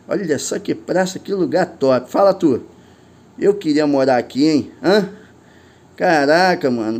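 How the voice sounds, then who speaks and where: An older man with a Carioca accent, narrating his drone vlog in an excitable, slangy way, laughing often and calling out to his viewers. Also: high voice. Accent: Carioca Portuguese. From Rio de Janeiro, Brazil. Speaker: drone vlogger.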